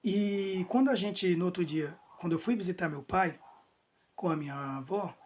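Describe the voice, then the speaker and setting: A man's voice: high-pitched, moderate pace, a little mellow, breathy edge. A man gives an emotional personal testimony as a church member. He talks earnestly, repeats phrases for emphasis and often restarts his sentences.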